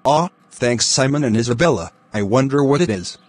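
A man's voice: medium pitch, expressive, a little fast, slightly rough. A synthetic man's voice playing an emotional birthday celebrant in an amateur cartoon, with stilted text-to-speech delivery. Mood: delighted. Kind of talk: text-to-speech animated dialogue.

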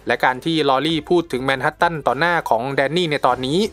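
A man tells a film's plot in a loose, chatty recap, slipping into slang and calling the viewers his friends. His voice sits a little on the high side, with soft music playing faintly underneath. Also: fast talker. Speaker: movie recap narrator. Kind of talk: casual movie recap narration.

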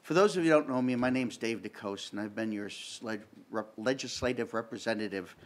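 A middle-aged man from Massachusetts, a political candidate, reading a prepared opening statement in a measured, formal way at a table microphone in a school meeting room. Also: on the low side. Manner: reads from notes, measured and formal.

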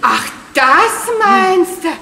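A woman's voice: very high-pitched, expressive, very slow, creaky, crowd noise, full character voice. An actress playing a dramatic, self-pitying woman whose partner has left her, in a stage comedy, talking in a breathless, tearful gush. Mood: agitated. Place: theater stage. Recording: echoey theater hall with audience laughter. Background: audience laughter.

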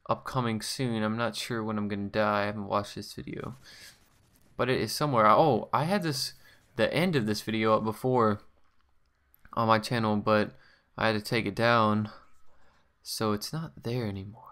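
A man's voice: on the low side, fairly bright tone, smooth. A man giving casual, rambling gameplay commentary as a channel host, often correcting himself. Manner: rambling, offhand, self-correcting.

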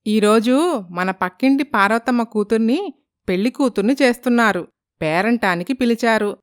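A woman's voice: fairly high pitch, animated, moderate pace, clear, resonant tone, no room sound, studio quality, close to an everyday voice. A woman doing a fretful poor village mother.

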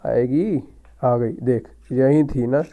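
A man's voice: medium pitch, steady tone, takes it slowly, mellow. A man with a sore throat, muttering casual gameplay commentary as he plays and taunts the game character. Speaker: gaming YouTuber.

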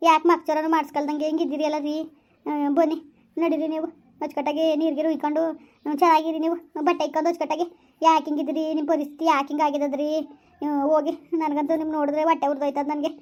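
A woman doing a high, pleading village wife. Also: flat delivery, racing, darkish tone, lightly acted. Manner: pleading, repetitive, emotional. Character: anxious village wife longing for her lost son. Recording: dull lo-fi recording.

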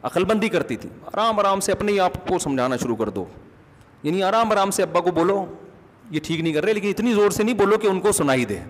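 A man's voice: high-pitched, animated, a little fast. A male religious scholar giving a conversational lecture, asking his listeners questions as he talks. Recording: long hall reverb.

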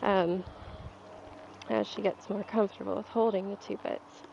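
Still stuffy from a cold, a dressage rider and trainer explains her training calmly as she rides outdoors, using a coaching manner. Her mid-range voice has vocal fry and moves at normal speed, while the dull lo-fi recording picks up slight noise, faint outdoor sounds, and a horse.

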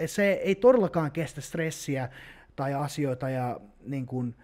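A man hosting a podcast, chatting casually and swearing heavily as he talks. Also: medium pitch. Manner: heavy swearing, animated. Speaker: podcast host, bodybuilding coach.

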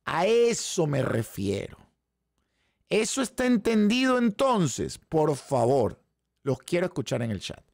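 A Venezuelan man, hoarse, runs a live trading class. His voice sits a little high but carries a gravelly fry, with a dry, close sound. He keeps checking in with his audience through quick rhetorical questions. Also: no echo. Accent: Venezuelan Spanish. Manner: animated, talks straight to the chat audience with frequent rhetorical questions. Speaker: trading instructor. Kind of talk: live-stream trading lesson.

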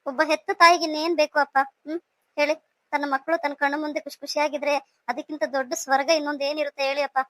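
Woman playing older cartoon mum, soft and motherly, dry close mic. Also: high voice, flat delivery, racing, no echo, pitched below the performer's own voice, natural voice. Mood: tender. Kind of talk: cartoon voice acting.

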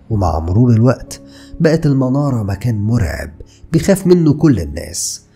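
A man in his thirties with an Egyptian accent, narrating scary stories as a channel host with dramatic delivery and hushed words, close to a desk mic in a studio. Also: on the low side. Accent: Egyptian Arabic. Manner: dramatic, lively storytelling with sudden hushed words. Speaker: horror storyteller host. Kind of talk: scripted horror narration. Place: dark indoor studio. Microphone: desk mic close to mouth.

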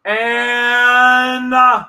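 A man in his thirties hosts a casual live-stream auction of storage-unit finds, chatting, hyping bids and repeating numbers as they come in. His voice is extremely high and sharp, yet his delivery is completely flat and very slow. He's in a small indoor room with a wall of hats behind him, and the recording quality is low.

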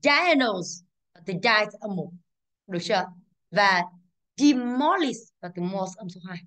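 Her voice is mid-range, expressive and a bit bright as she briskly goes over the answers with an English exam class. She stresses each English word and asks students to confirm.

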